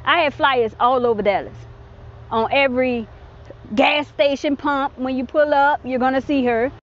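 A woman's voice: high-pitched, steady tone, moderate pace, dull audio, slight background noise. A woman in her thirties, interviewed outdoors by a roadside, speaking earnestly and with determination. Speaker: interviewee, friend of victim. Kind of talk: news interview.

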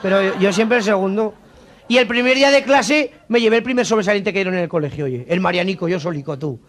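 Aragonese guy rattling off jokes, high voice, folksy village manner, old cassette tape. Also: fast, a bit bright, a faint crowd. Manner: folksy rural character voice, full of diminutives. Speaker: stand-up comedian. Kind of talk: live joke-telling routine. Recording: 1991 cassette tape of a live show.

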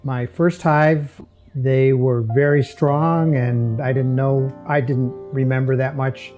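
Mellow-voiced older man explaining beekeeping. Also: medium pitch, soft background music. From upstate New York. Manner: relaxed, halting with fillers. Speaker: amateur beekeeper. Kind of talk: casual explanation while working. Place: outdoors in a backyard apiary.

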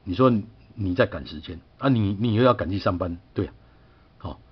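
A man's voice: low voice, expressive, moderate pace, breathy edge, lo-fi sound. A middle-aged man telling a personal story in a chatty, aggrieved way, often asking his listener to agree. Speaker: vlogger.

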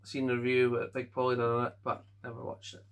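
A Scottish man casually going through his film collection at home, giving offhand quick verdicts and chuckling to himself. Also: mid-range voice, completely flat delivery. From Scotland. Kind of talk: casual chat.

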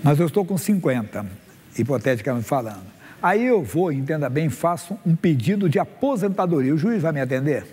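A man's voice: fairly high pitch, expressive, fairly quick, warm tone, slightly rough. A man in his sixties, a pastor preaching a sermon from the stage to his congregation, reading Bible verses aloud and asking them questions. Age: 60s. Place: church stage before a congregation. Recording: long hall reverb.

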